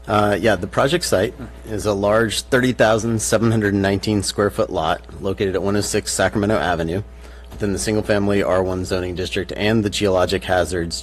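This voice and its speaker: A man presenting as city planning staff, formally and methodically reading through technical details. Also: lowish voice. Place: public meeting room. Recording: faint hiss and hum.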